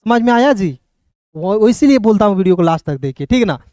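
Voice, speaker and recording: Fast and lively, a high-pitched male voice with a darkish tone leads an English lesson, recorded cleanly in a studio without room sound. He breaks the material into steps, asks viewers questions, and often calls them his friends.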